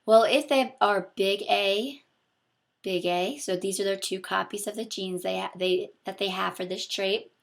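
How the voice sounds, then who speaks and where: A woman's voice: medium pitch, fairly even intonation, a little slow, vocal fry. Young woman teaching with a sore throat. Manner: patient, step-by-step explaining. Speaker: biology teacher. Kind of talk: explanatory video lesson. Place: small home room with a window, indoors.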